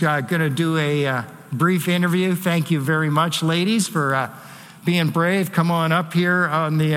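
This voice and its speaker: A man's voice: fairly high pitch, sharp tone. A male pastor preaching a sermon, then hosting an onstage interview, earnest and a little hesitant with fillers when speaking off the cuff. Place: church sanctuary. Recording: church hall reverb.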